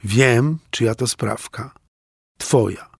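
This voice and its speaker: A man voicing a calm, gentle detective in a children's story, speaking quietly and knowingly. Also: mid-range voice, slow, creaky, breathy edge, dry recording, clean studio sound, heavily acted.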